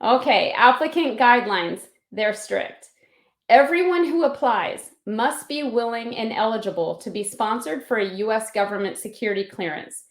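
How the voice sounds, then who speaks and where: A higher-voiced woman delivers a scripted recruiting presentation with a polished, salesy recruiter manner. The sound is roomy, with noticeable echo around her words. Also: animated, moderate pace. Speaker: company recruiter giving a pitch. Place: indoor room on an online video call.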